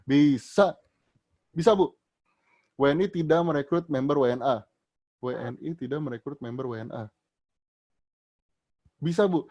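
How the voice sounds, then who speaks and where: Leading an online training session, a man answers audience questions casually, with lots of fillers and restarts, his voice shooting up at the start of each reply. It's a fairly high, slightly mellow voice.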